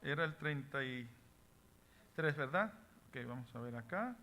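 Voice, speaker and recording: A man's voice: medium pitch, animated, measured pace, sharp tone, a little hiss or hum. A man teaching a Bible study class, reading scripture aloud and explaining what names mean while asking the class questions. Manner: switches between Spanish and English words.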